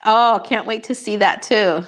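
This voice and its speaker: A woman's voice: mid-range voice, measured pace, a bit bright. A young woman from Honduras, a YouTuber casually chatting with viewers and answering their questions, upbeat and full of fillers. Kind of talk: casual livestream chat.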